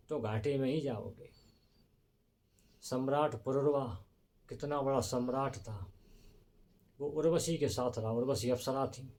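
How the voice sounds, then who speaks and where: A man's voice: medium pitch, dark tone. A man narrating a scripture story in a devotional sermon style, dramatic and storytelling. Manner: dramatic, voices emotional quotes within the story; devout greetings, storytelling cadence.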